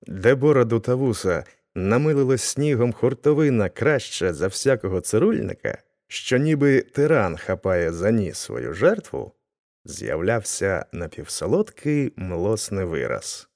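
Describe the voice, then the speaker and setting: Man, audiobook narrator, classic tale, low voice, lively expressive delivery. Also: unhurried. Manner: expressive storytelling.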